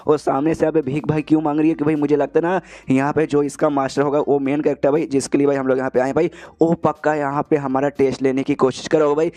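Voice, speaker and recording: A manhwa recap narrator retells a comic story in a casual, chatty way, addressing the listener as "bhai," or brother, in nearly every line. He's a fast talker whose voice is on the high side, level and darkish.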